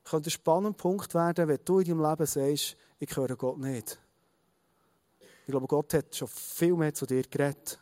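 High-voiced Swiss German preacher. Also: male voice, a little fast, hardly any pauses, no echo, clean studio sound. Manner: lively, talks straight to the listener. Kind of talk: sermon with Bible reading.

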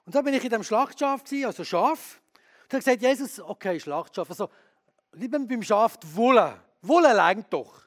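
A man preaches with a high voice for a man. He talks in a lively, candid way and keeps turning to his listeners with questions. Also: brisk. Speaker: pastor. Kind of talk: sermon.

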